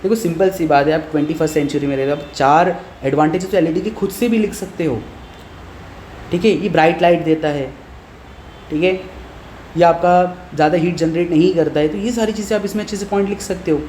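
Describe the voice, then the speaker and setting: A male physics teacher walking students through an exam paper, reading each question out slowly and then explaining step by step how the marks are given, in a familiar tone. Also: fairly high pitch, darkish tone. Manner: mixes Hindi and English, addresses students familiarly. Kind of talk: exam paper walkthrough lesson. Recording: roomy echo, faint background noise.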